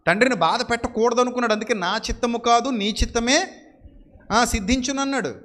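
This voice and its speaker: A man preaching a sermon who keeps asking his listeners rhetorical questions and slows down sharply to stress scripture phrases. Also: very high voice, a bit bright.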